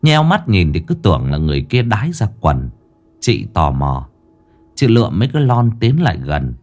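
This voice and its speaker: A man narrating a horror story in a dramatic, lively way. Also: fairly low pitch, moderate pace.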